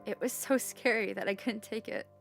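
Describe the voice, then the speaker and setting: A woman's voice: mid-range voice, steady tone, normal speed, gravelly, a bit bright, soft background music. A woman voicing a young policewoman heroine from a story game, trembling and pleading. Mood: panicked.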